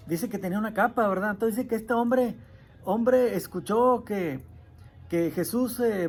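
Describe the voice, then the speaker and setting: A man's voice: high voice, a little mellow. A male pastor preaching a sermon earnestly, retelling a story and crying out the pleas he quotes.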